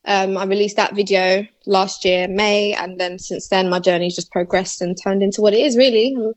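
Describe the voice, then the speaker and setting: A young woman rapper, chatting easily and breaking into laughter between thoughts. Her voice sits at an ordinary middle pitch. It is recorded close and dry, with no room sound around her. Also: moderate pace, dry recording. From born in Malawi, raised in England. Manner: relaxed, laughs often, slangy. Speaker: rapper guest. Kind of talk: casual interview chat.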